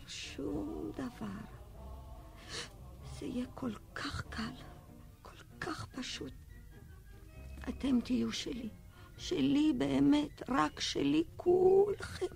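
A woman's voice: high-pitched, gravelly, a little mellow. An actress playing a guilt-ridden, obsessive mother who stammers and turns feverish. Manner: stammering, then feverish and whispering. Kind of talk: stage drama acting.

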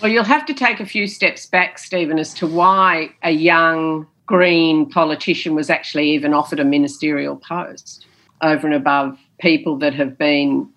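With a deep, fairly bright voice, a former politician answers an interviewer in an emphatic, storytelling manner. Her delivery is big and theatrical, and she often repeats phrases and says "you know."

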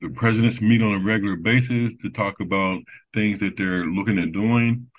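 Deep-voiced man, halting interview guest. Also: steady tone. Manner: halting, many restarts and fillers. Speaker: business development guest. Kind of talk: casual interview talk. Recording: dull lo-fi sound.

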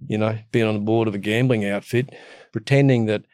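A man's voice: fairly low pitch, steady tone, a little fast, darkish tone, no echo. A middle-aged Australian man ranting casually and bluntly, with the earthy, matey slang and mild swearing of an Aussie tradesman. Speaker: guest giving opinions. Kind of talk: casual opinionated rant.

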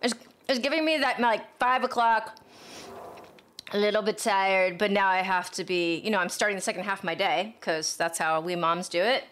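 A woman's voice: mid-range voice, moderate pace, fairly bright tone. An American woman hosting a podcast in a casual, chatty, slangy way. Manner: informal, slangy, addresses listeners as friends. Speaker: podcast host.

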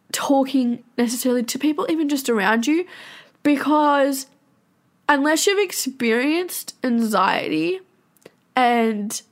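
A young woman speaking candidly in a personal confessional monologue, swearing often and talking in fast bursts. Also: sits high.

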